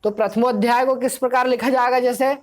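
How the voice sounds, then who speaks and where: A woman teacher gives an exam-prep grammar lesson in a fairly high voice. She drills the material by asking a question, answering it herself and going over each point again. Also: fairly even intonation, fairly quick. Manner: asks the class questions and answers them, repeats key points; explanatory, drilling tone.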